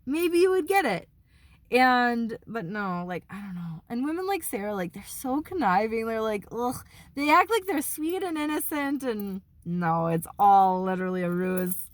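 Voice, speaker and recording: A woman vlogging from her car in a casual, rambling monologue, swearing freely, filling every pause with "like" and slipping into heated rants. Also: medium pitch, lively intonation, no room sound. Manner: rambling and profane, heavy use of "like"; heated ranting. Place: inside a car.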